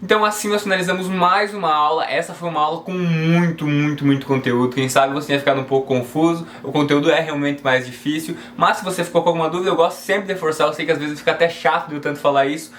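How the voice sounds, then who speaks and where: Brazilian man, english teacher, casual online lesson, slightly higher voice, faint hum behind. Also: a bit bright, echoey room. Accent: Brazilian Portuguese. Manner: friendly, keeps checking in with "beleza?"; reads English examples slowly and carefully.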